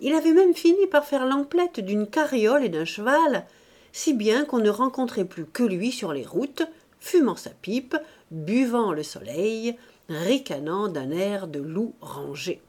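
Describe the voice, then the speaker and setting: In a mid-range voice, a woman narrates a classic novel as an audiobook reader. Her delivery is measured and expressive.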